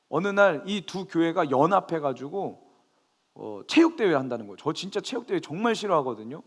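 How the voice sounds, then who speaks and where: A man pastor preaching a sermon, telling a story with lively bursts of raised emphasis. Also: medium pitch.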